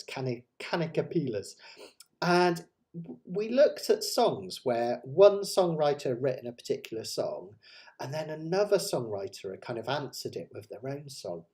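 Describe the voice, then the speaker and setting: A man's voice: on the high side, a little mellow. A man with a West Country English accent hosting a casual livestream, chatting in a rambling, enthusiastic, self-deprecating way. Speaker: host of a live ukulele play-along. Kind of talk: casual livestream chat to viewers.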